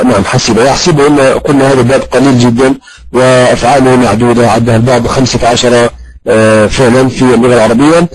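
A man teaching a grammar class at a middle pitch, talking slowly and breaking off often to fill the pauses. He puts questions to his students and praises their answers. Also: slightly rough, low-quality recording. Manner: slow and halting, with many drawn-out fillers. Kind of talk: classroom lesson with audience questions.

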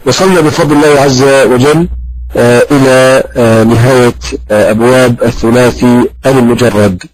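A man teaching an Arabic grammar lesson. He talks slowly and halts often with drawn-out fillers, putting questions to his students and praising their answers. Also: medium pitch, low-quality recording. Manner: slow and halting, with many drawn-out fillers. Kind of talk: classroom lesson with audience questions.

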